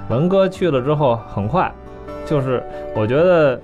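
A man with a Beijing accent tells stories in a loose, colloquial and joking style, like a guest on a chat show. His voice sits in the middle range for a man, with music clearly playing behind him. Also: medium pitch, animated, normal speed, narrow, tinny audio. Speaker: guest, father sharing family travel stories. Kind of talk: casual conversational storytelling.

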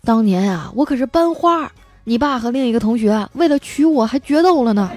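A woman voicing a middle-aged mother who teases, frets about her weight and snaps in anger, with a sing-song, shrill way of talking. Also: lively intonation, normal speed, dark tone, lightly acted. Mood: indignant. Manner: sing-song teasing, shrill when angry. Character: middle-aged mother, teasing, vain, quick-tempered.

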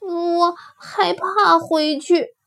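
A woman voicing a timid little male rabbit in a children's story, crying out in high, panicky bursts. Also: steady tone, very slow, gravelly, a bit bright, full character voice.

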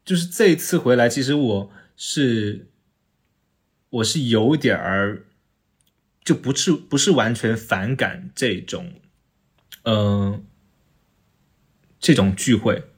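Husky man. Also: medium pitch, animated, takes it slowly, long pauses. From Chaoshan, southern China. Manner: hesitant, thinking aloud. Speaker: podcast co-host. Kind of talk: casual conversation.

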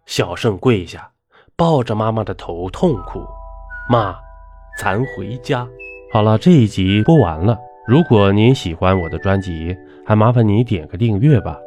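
Man, low voice, lively pitch swings, dramatic ghost story narration, faint music behind. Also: moderate pace.

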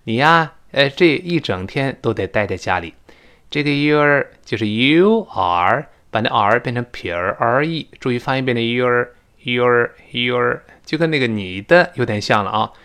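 Animated male English teacher. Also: medium pitch. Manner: explains eagerly, slowly repeats words to model pronunciation. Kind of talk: recorded lesson explanation.

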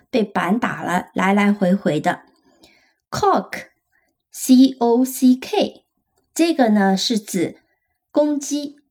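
A woman's voice: medium pitch, dark tone. A woman teaching English vocabulary on the radio, patiently explaining and spelling words out letter by letter.

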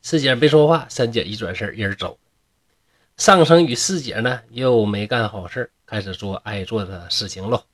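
A man's voice: lowish voice, normal speed. A man with a Northeastern Chinese accent telling a classic tale in a humorous way, with chatty jokes and asides to the listeners. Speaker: storyteller.

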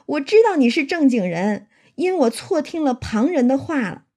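A woman's voice: high-pitched, very animated, normal speed, warm tone. A woman voicing a drunken young bully nobleman who whines and begs for mercy in a retold classic story. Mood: whining plea. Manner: blustering then wheedling and begging.

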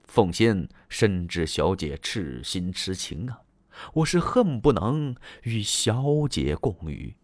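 A man's voice: fairly low pitch, very animated, slow, no room sound. A male storyteller voicing a lovestruck, anxious young warrior general who talks in earnest, fretful exclamations.

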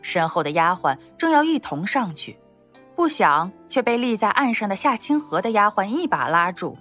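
A woman reads a period novel aloud as an audiobook, her voice rising and falling with lively intonation. Her pitch sits in the middle range, and soft music plays faintly behind her. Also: moderate pace. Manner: expressive storytelling, lively intonation. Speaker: narrator. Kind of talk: scripted audiobook narration.

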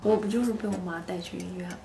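A woman's voice: lowish voice, steady tone, rapid-fire, creaky, dark tone, echoey room, soft background music. A woman in a casual chat who asks short questions and adds her own stories.

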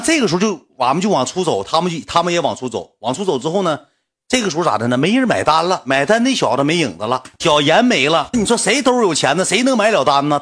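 A man with a Northeastern Mandarin accent tells a colloquial anecdote, circling back over the same phrases. His voice is husky, and he talks fast. His pitch swings widely as he goes. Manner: rambling, colloquial, animated retelling with repeated phrases. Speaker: storyteller. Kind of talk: casual spoken anecdote.

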